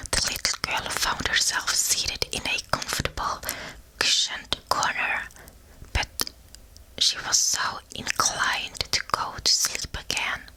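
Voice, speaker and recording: A woman whispering a storybook aloud for ASMR, slow and deliberate, very close to a binaural ear microphone. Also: pushed and bright, low-quality recording. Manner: whispering throughout, unvoiced. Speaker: ASMR reader.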